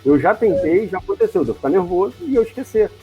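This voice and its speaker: A man's voice: high voice, lively intonation, quick pace, slightly rough, lo-fi sound, faint music behind. A man hosting an interview, talking hesitantly and often adding tag questions. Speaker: interview host. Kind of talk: casual interview.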